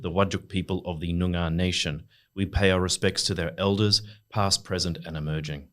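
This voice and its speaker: A man's voice: sits low, fairly bright tone. A man hosting an interview podcast, polite and formal. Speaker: podcast host. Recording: audio podcast.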